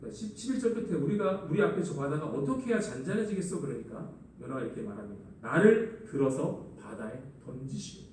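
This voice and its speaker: A male pastor preaches with a lively, rising and falling delivery, playing out the quoted words himself. His voice is fairly high for a man but mellow and dark. It booms around a reverberant church hall, picked up from some way off the mic. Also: far from the mic, slight background noise. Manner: expressive preaching, acting out quoted lines. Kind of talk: sermon. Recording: echoey hall, voice from afar.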